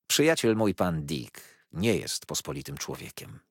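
Brief: male narrator putting on a frank elderly lady, plain-spoken, slightly raised voice, husky tone. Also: low-pitched, sing-song, unhurried, fairly bright tone, no room sound, clean studio sound, heavily acted. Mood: brisk. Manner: frank, direct speech. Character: blunt, forthright elderly lady.

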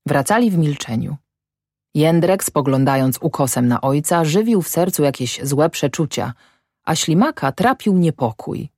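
A woman narrating a classic novel in a measured, even storytelling manner. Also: sits low, no room sound, studio quality. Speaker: audiobook narrator.

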